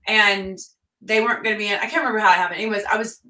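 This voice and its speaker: Sounding slightly distant from sitting back from the mic in an echoey room, a guest who sings country and plays fiddle chats through stories in an interview. Her medium-pitched voice is bright, forceful and very fast, jumping into sudden loud bursts whenever she acts out a quote.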